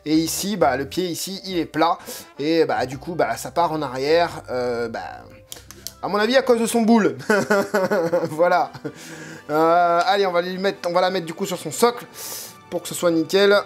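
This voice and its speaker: A man's voice: fairly high pitch, normal speed. A man casually commenting on a figurine unboxing, joking and rambling with lots of hesitant fillers. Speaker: unboxing video host. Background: faint background music.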